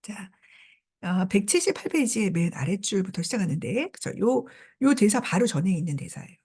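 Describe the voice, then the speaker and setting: A woman's voice: medium pitch, fairly quick, slightly rough. A woman teaching English, reading a novel aloud and explaining it in Korean. She keeps the class along with small prompts as she goes. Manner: lively, repeats prompts such as "자" and "그죠?".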